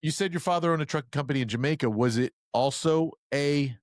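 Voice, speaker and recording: A man's voice: a little high, dry recording. Chatty joking male podcast host. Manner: chatty, joking, quick storyteller. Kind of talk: casual interview chat.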